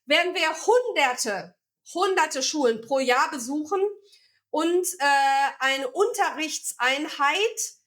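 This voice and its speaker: A woman's voice: high-pitched, lively intonation, slow pace, fairly bright tone. A woman from Germany, founder of a charity, explaining its work in a casual interview with many fillers and restarts.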